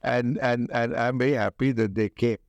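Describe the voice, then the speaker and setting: An older man with an educated upper-class Indian accent, answering interview questions in a deliberate, emphatic way and repeating phrases for stress. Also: medium pitch, steady tone, no room sound, lo-fi sound.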